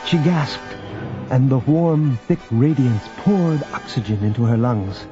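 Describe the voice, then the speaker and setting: A man narrating an audiobook in scripted narration, with even, measured storytelling. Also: medium pitch. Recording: dull audio with faint background music.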